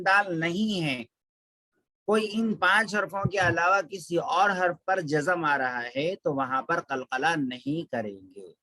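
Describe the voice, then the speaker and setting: A man's voice: fairly high pitch, sharp tone, no room sound, low-quality recording. A man teaching Quran recitation, patiently repeating syllables to show each sound. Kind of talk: slow tajweed lesson with drilled examples.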